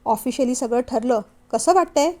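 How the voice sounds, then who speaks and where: A steady devoted young son, firm and earnest in an audio novel, a woman voicing him in a high, light voice. he talks plainly and means every word. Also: moderate pace, natural voice.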